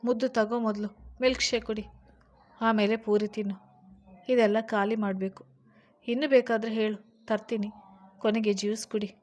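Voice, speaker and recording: A woman's voice: fairly high pitch, fairly even intonation, normal speed, pauses often, darkish tone, natural voice. A woman voicing a protective young husband who questions his sick wife firmly and scolds her. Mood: tender.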